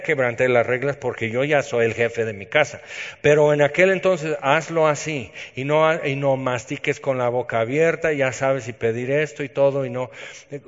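Mexican man preaching in an echoey hall. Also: on the high side. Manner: chatty, storytelling, self-teasing humor. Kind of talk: conversational sermon. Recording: dull reverberant hall sound.

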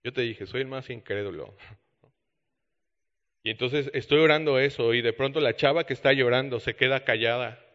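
Male preacher, animated storytelling, roomy hall sound. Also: mid-range voice, normal speed. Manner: animated storytelling with quoted dialogue. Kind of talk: sermon storytelling. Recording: dull echoey hall.

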